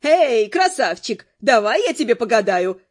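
A woman's voice: a little high, a little slow. A woman doing a drawling, pushy fortune-teller. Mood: sly. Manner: drawling, coaxing sales patter.

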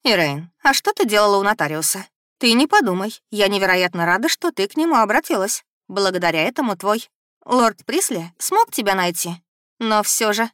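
A woman's voice: medium pitch, very animated, moderate pace, a bit bright, no room sound, studio quality. A woman voicing a fussy middle-aged noble mother, pleading and reproachful.

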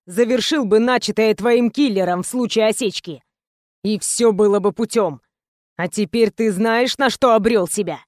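A woman voicing a menacing, foul-mouthed male gangster in a low, threatening growl. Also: normal speed, a little mellow, no echo, studio quality, lightly acted. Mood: furious threat.

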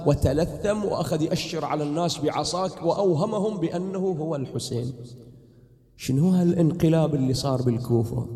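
A man's voice: on the high side, warm tone. A man preaching a Muharram night sermon, impassioned and rising to near-chanted emphasis. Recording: long reverb of a large hall.

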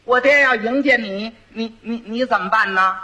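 Exasperated clever bride as a man puts her on, scolding, high bright voice. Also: moderate pace, exaggerated voice, poor audio. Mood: instructive. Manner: scolding, instructive.

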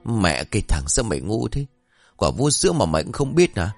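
A loud, boastful old drunkard who bickers and swears at his pupils, as a male storyteller puts him on. His deep voice swings widely up and down, and a faint tune runs behind. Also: sing-song, brisk, vocal fry, faint music behind, full character voice. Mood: quarrelsome.

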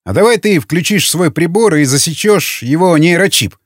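A man's voice: on the high side, lively intonation, normal speed, no echo, studio quality, voice pushed up. A man voicing a younger male raider who is chatty, teasing and grumbling. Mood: uneasy.

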